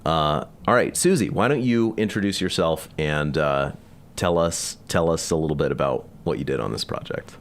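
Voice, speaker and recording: A man hosting a live online chat, talking casually and haltingly with many fillers. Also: a bass voice. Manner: relaxed, halting, lots of fillers. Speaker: host of a live release party.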